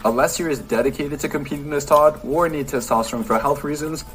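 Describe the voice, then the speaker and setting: A man's voice: on the high side, a little fast, a bit bright. A man presenting fitness experiment results and narrating, announcing the figures plainly. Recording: video played with music underneath.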